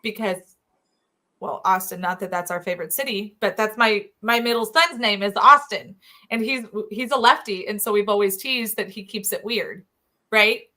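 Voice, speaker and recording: A middle-aged woman, co-hosting a show and telling stories in a chatty, animated way. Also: medium pitch, moderate pace. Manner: chatty, laughs often, animated retelling. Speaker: show co-host. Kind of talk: casual storytelling chat.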